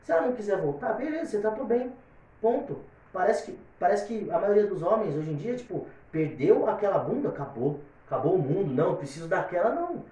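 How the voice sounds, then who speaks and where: A man's voice: sits high, sing-song, quick pace, warm tone. Rambling opinionated man in an echoey room. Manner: opinionated, rambling, repeats fillers. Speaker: guest singer. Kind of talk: casual podcast chat. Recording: very echoey room, distant mic.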